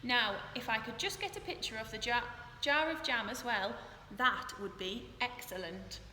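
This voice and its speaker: Small female storybook mouse, voiced by a woman, chatty, bossy, keen to explain, bright tone, noisy hall-like recording. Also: a little high, moderate pace. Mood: eager. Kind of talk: children's storybook read-aloud. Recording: echoey room with noise.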